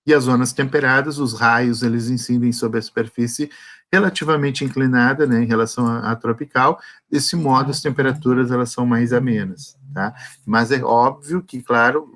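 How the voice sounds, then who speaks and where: A man's voice: medium pitch, a bit bright. A man gives a geography lesson online. He explains step by step and keeps checking that his students follow. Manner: explanatory, frequent "tá?" and "né?" check-ins. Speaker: teacher.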